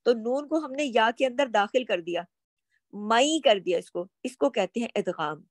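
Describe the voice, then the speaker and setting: Woman, recitation teacher, slightly high voice, dry close sound. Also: no room sound. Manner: drawn-out slow recitation of examples, then quicker explanations. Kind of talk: tajweed lesson, explaining and reciting examples.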